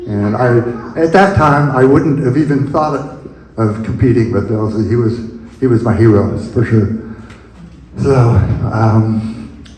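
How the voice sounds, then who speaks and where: An older man reminisces about his youth, pausing, restarting and chuckling softly. His mid-range voice sits in a roomy, echoing museum space. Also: mid-range voice. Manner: rambling, halting storyteller with chuckles. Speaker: invited speaker. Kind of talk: telling personal memories at an event. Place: room at a museum event.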